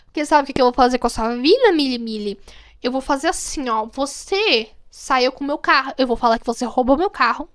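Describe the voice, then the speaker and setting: Brief: condescending, manipulative rich boss lady, played by a woman, high-pitched, Brazilian accent, sneering. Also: lively intonation, brisk, no room sound, studio quality. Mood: menacing. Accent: Brazilian Portuguese. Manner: mocking, condescending.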